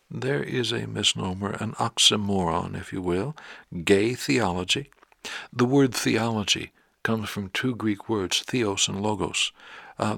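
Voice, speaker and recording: A man's voice: fairly low pitch, vocal fry, fairly bright tone, no echo, clean studio sound. A man preaching a sermon, emphatic and firing rhetorical questions at his listeners.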